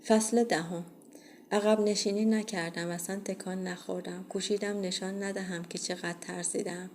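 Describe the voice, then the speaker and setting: A woman reading a first-person horror audiobook in a steady, measured way. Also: medium pitch, slight background noise. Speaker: audiobook reader.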